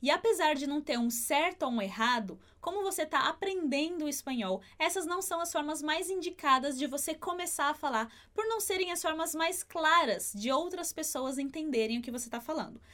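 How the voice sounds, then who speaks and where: High-voiced woman teaching pronunciation. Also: expressive, a bit bright. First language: Portuguese. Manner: clear, patient, slows down to demonstrate sounds. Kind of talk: online language lesson.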